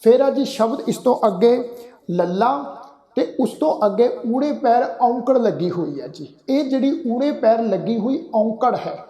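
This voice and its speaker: A man teaching correct pronunciation of scripture in an earnest, religious-lesson manner, speaking to his listeners as a congregation and reciting verses slowly. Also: very high-pitched, dark tone. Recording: echoey hall reverb.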